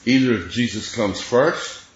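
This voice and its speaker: A man's voice: medium pitch, measured pace, roomy sound, lo-fi sound. A man preaching a sermon, explaining scripture in an earnest way and reading verses aloud.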